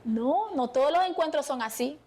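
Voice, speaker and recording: A woman's voice: high voice, lively intonation, moderate pace, darkish tone. A woman preacher giving a fervent sermon in a small church, calling out to the congregation and pleading with them.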